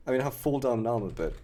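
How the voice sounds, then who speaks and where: Streaming a game, a young German-accented man jokes around and laughs with his co-player in a relaxed, chatty way. He speaks at a medium pitch and slightly quickly, over a faint hiss or hum.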